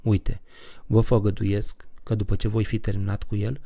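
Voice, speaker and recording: A man doing an imperious old vampire count who speaks low, dark and gravelly, every word a threat. The voice is deep and rough-edged, the delivery close and dry. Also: level tone, no echo. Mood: cold. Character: commanding ancient male vampire count.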